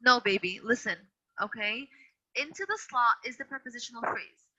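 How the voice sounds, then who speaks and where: A woman's voice: fairly high pitch, normal speed, pushed and bright. A woman teacher leading an online grammar lesson, patient but firm as she repeats and corrects her students. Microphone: video call. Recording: dull lo-fi video call audio.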